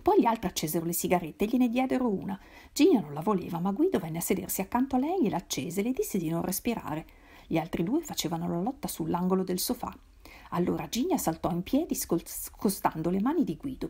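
A woman reading a novel aloud in a measured, expressive way. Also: mid-range voice, creaky, slightly rough. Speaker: reader. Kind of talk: literary read-aloud.

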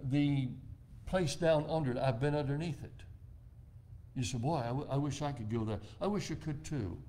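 Older pastor preaching slowly and deliberately. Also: male voice, medium pitch, warm tone. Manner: measured, deliberate preaching with slow emphatic phrases. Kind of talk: sermon. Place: church.

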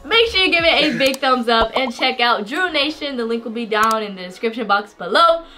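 A woman hosting her vlog, playing a casual trivia game with excitable, giggly guessing. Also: a little high, a little fast, soft background music. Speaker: vlogger host.

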